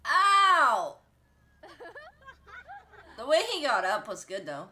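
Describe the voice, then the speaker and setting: A woman's voice: medium pitch, sing-song, a little fast, pushed and bright. A young adult woman giving casual, sweary reaction commentary on a livestream, with laughter breaking through as she tries to hold it in. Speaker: livestreamer reacting to funny videos. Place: small room at home, indoors. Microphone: gaming headset.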